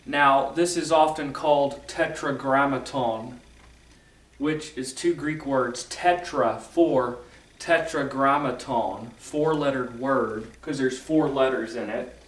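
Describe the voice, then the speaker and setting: Slow-talking man lecturing in a roomy space. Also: mid-range voice, recorded from a distance. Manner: rambling, self-correcting, filler-heavy. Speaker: esoteric teacher. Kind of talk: casual explanatory lecture.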